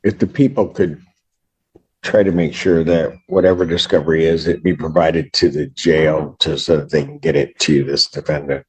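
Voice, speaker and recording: Deep, mellow-voiced male judge. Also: fairly even intonation, normal speed, husky, low-quality recording. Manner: procedural, questioning. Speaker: judge presiding over a court hearing. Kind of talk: formal courtroom proceedings.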